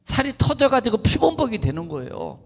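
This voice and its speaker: Animated preacher with gravelly voice in hall. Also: male voice, fairly quick. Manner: animated preaching, sudden swings from low to high. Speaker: pastor. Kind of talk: sermon. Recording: long hall reverb.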